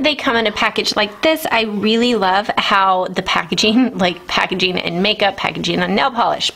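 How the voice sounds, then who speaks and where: A woman in her thirties gushing through a casual product review at home, excited and chatty. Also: medium pitch, creaky. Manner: gushing, enthusiastic. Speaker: nail art vlogger. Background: children.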